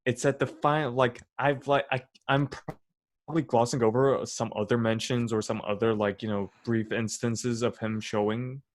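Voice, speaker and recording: A man's voice: medium pitch, steady tone, moderate pace. A young man co-hosting a podcast in casual chat, rambling with many fillers and restarts. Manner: rambling, full of "you know" and "like". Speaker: podcast co-host.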